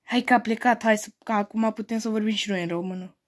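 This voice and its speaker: A woman acting out a family comedy sketch, quick and bickering, with frequent swearing. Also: mid-range voice, steady tone. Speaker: sketch comedian playing several family roles.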